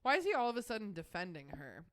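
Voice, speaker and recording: A woman's voice: mid-range voice, very animated, quick pace, no echo, studio quality. A woman co-hosting a podcast, reading old writing aloud and breaking off into joking asides with frequent laughter. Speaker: podcast co-host.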